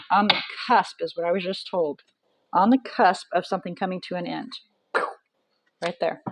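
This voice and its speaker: Lowish-voiced woman doing a chatty tarot reading. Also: darkish tone, a little hiss or hum, rough recording. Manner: chatty, thinks aloud with many ums and restarts. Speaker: tarot reader.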